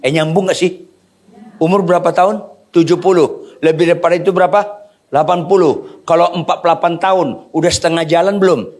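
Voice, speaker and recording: A man's voice: on the high side, steady tone, brisk, darkish tone. A man preaching a sermon to a congregation, joking in casual slang and quizzing his listeners with questions. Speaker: pastor.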